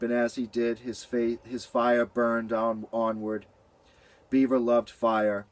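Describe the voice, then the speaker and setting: A man reading a children's story aloud in a gentle, rhythmic way with lots of repetition. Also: medium pitch, no echo.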